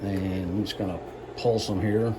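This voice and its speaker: A man giving a casual home cooking demonstration, explaining things in a halting, unhurried, folksy way. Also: low-pitched, fairly even intonation, heavy background noise. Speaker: home cook presenting a recipe.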